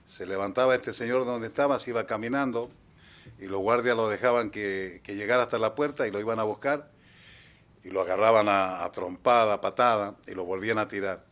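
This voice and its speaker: A man in his sixties with an Argentine accent, giving halting courtroom testimony as a trial witness and often trailing off quietly. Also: on the low side. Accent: Argentine Spanish. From Chile, raised in Argentina. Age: 60s.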